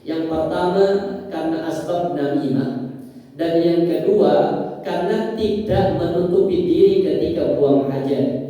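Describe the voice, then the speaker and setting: A man preaching a sermon in a mosque, chanting Arabic passages and then explaining them in an animated way. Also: fairly high pitch, unhurried, muffled recording. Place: mosque hall. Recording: echoey hall, from far off.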